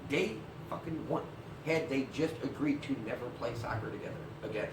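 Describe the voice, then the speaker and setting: A man co-hosting a comedy news segment, delivering crude jokes in a dry deadpan. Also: mid-range voice, a little fast, echoey room, recorded from a distance, background noise.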